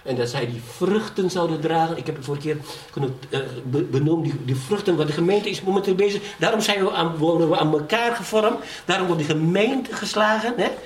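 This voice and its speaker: A middle-aged pastor preaches in a church hall, repeatedly asking the congregation "ja?" and growing more fervent as he testifies. His voice is a little high and fairly quick with hardly any pauses, captured from far off in an echoey hall with faint background noise.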